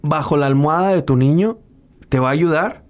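A man's voice: fairly high pitch, a little fast. A man with a Mexican accent co-hosting a casual comedy chat, joking crudely and swearing freely. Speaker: podcast co-host.

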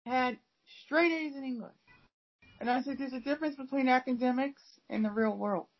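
A high-pitched woman with a breathy edge, an English teacher from the United States, rambles casually at a moderate pace, restarting often and using plenty of fillers. The audio quality is dull and lo-fi.

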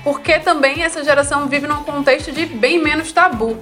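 High-voiced young Brazilian woman hosting. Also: a little fast, a bit bright, soft background music. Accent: Brazilian Portuguese. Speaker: talk show host. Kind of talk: casual presenting and chat.

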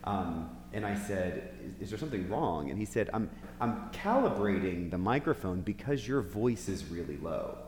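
A man's voice: deep voice, very animated, moderate pace, few pauses, a little mellow. A man preaching informally to a church group, conversational and putting questions to his listeners, in a big echoey hall. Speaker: preacher leading a church Bible class. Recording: big hall echo, long reverb, faint hum.

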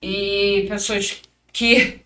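A woman's voice: medium pitch, very slow. A woman, a fighter, telling her story in a casual interview and acting out what others said. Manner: animated, acts out quoted dialogue. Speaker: guest, professional fighter.

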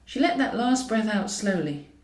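An author reads her own comic novel as scripted narration, telling it in a wry, dryly ironic way. Her mid-range voice is expressive and moderately paced. The recording has a roomy echo, as if she's far from the mic.

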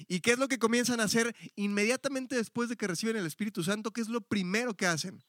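A man's voice: high-pitched, quick pace, fairly bright tone, no echo, studio quality. A middle-aged man from Mexico City with a Mexico City Spanish accent, giving a chatty, explanatory church teaching with frequent fillers and self-corrections. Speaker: Bible teacher.

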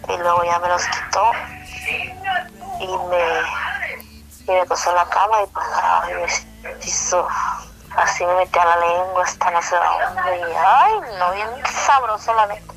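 A woman with a Mexican accent telling an intimate first-person story over a phone call, halting and sighing, with many restarts. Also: fairly low pitch, fairly even intonation, vocal fry, music in the background. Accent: Mexican Spanish. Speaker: caller telling her story.

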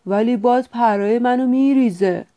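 A woman's voice: a little high, mellow, close to an everyday voice. A woman doing a confident, reassuring hawk.

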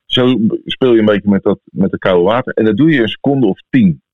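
A Dutch man with a fairly low voice hosts a casual podcast in an informal, personal way. His accent is from the Netherlands. The sound is narrow, like a phone line. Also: a little fast. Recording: thin phone-like sound, echoey room.

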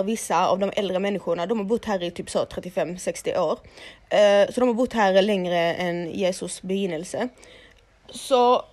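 A young woman chats through a casual storytime to her listeners, animated and quick to swear. She slips English phrases into her talk and sounds easygoing, in an everyday mid-range voice. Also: mid-range voice. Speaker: vlogger telling a story.

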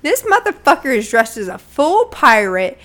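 A young woman co-hosting a casual podcast chat, profane and animated as she tells stories. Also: a little high, normal speed. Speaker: podcast co-host.

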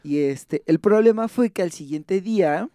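Un hombre joven con acento mexicano cuenta una anécdota en charla casual, animado, lleno de jerga y risas. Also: male voice, sits high, measured pace, dry recording. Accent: Mexican Spanish. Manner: animated slangy storytelling, laughs often. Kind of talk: casual storytelling chat.

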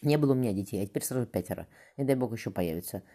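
A man voicing Petya, a gentle, devout, loving stepfather who speaks softly. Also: lowish voice, expressive, rapid-fire.

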